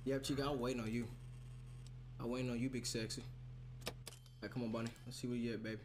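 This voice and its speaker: A man's voice: mid-range voice, little pitch movement, fast talker, heavy background noise. A man doing casual live horror game commentary to his chat, sounding scared, with slangy, profane, repetitive talk. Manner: slangy, profane talk, often repeating phrases. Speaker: video game streamer.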